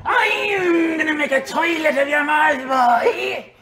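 A man voicing a crude, blustering male brute who picks a fight, loud and threatening. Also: extremely high pitch, slow, echoey room, noisy background, voice pushed up, exaggerated voice. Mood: menacing. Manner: loud and threatening, shouting with laughter.

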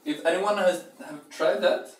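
A man's voice: sits high, measured pace. Young guy chatting as he bakes, hums and rambles, kinda far from the mic, roomy kitchen sound. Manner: rambling, playful, thinks aloud with hums. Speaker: home cooking vlogger. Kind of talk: casual cooking chat. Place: home kitchen, indoors. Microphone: camera across the room. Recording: echoey room, voice from far off.

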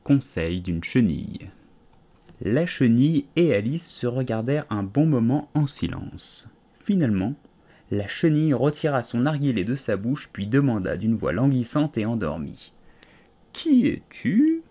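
A man narrating a children's audiobook in a lively, expressive reading. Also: medium pitch, normal speed. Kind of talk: storytelling narration.

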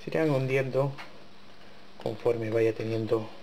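In his kitchen, a home cooking channel host takes his time explaining a dessert step by step, talking casually to viewers while he works. He has a medium-pitched, darkish voice with fairly even intonation, and the audio is poor with slight background noise.

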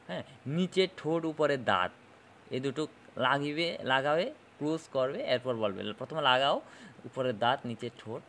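A man teaching a phonetics lesson, slowly repeating and demonstrating sounds and often checking "okay?". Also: mid-range voice, a bit bright, slight background noise.

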